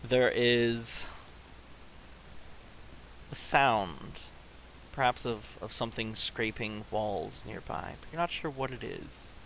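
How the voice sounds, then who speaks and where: Man, game master, slow-paced, halting scene narration, mid-pitched voice. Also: fairly bright tone, slight background noise, poor audio.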